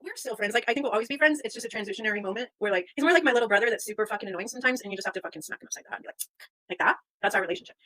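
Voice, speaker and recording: A woman's voice: mid-range voice, expressive, rapid-fire, bright, forceful tone, no room sound. A woman livestreaming a casual monologue in Valley girl talk, peppered with "like" and swearing. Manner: Valley girl talk, filler "like" and slangy drawl. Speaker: livestream host.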